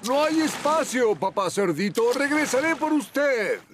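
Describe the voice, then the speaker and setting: A man's voice: very high-pitched, big pitch swings, measured pace, background noise, exaggerated voice. A man voicing a jolly, cheerful old grandfather hare who rows a boat in a cartoon, with a Latin American Spanish accent. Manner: cheerful, bossy calls. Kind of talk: cartoon dub voice acting.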